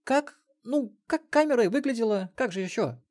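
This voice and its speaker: An eager, squeaky young granddaughter, voiced by a male reader. Her voice jumps very high as she pleads and pesters. It sounds dry and close. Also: animated, fairly quick, a little mellow, no room sound. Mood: curious. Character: excitable young granddaughter, peacemaker.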